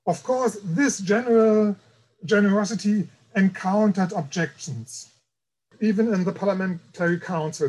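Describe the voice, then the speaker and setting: A man with a German accent gives a formal academic lecture. His voice sits high for a man, and he speaks carefully and deliberately. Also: a little mellow, breathy edge, poor audio. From East Germany. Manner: careful, measured delivery. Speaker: guest lecturer.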